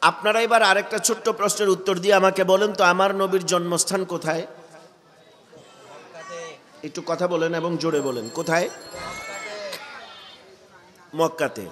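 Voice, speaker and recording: A man preaching a sermon at a religious gathering while he has a cold, quizzing the crowd and building to loud emphatic peaks. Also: high voice, fairly even intonation, normal speed, pauses often, big-room sound.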